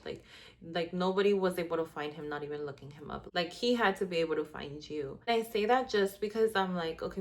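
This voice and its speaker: A young woman in her twenties telling a personal story in casual storytime style, chatty and full of "like" fillers, dropping the odd Spanish word. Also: on the low side. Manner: chatty, frequent "like" fillers, slips into Spanish words. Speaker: vlogger.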